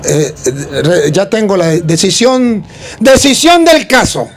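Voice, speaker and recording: A woman's voice: medium pitch, big pitch swings, slow pace, a faint crowd, heavily acted. A man voicing an angry woman catechism teacher who scolds and dismisses a child.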